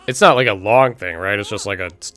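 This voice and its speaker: A man's voice: on the low side, quick pace, fairly bright tone, faint music behind. A man doing casual, rambling live stream commentary on a game, informal and sweary, often chuckling as he talks.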